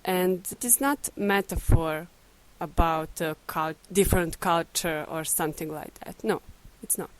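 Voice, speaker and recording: Woman in her 20s, lowish voice, thinking out loud, outdoors. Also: a little slow, few pauses, poor audio. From Serbia. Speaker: interviewee.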